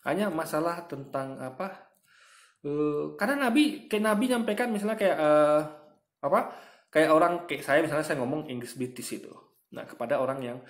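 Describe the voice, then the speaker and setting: A man talks viewers through his reaction in a chatty, explaining way, his voice sitting a little high for a man. He keeps calling out to his audience as he goes. The sound bounces around an echoey room. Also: normal speed. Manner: chatty, explains with everyday comparisons, keeps addressing viewers as guys. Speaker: commentator. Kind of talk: casual reaction commentary.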